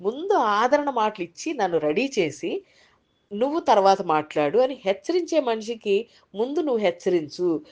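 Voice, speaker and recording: A woman's voice: on the high side, a little mellow. A woman preacher giving a Sunday sermon in a conversational way, sometimes acting out worried inner voices. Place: online group meeting.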